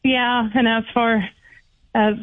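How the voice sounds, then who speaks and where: A woman's voice: on the high side, little pitch movement, slow, no room sound. Female caller, boastful and teasing, heard over a tinny phone line. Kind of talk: call-in radio banter.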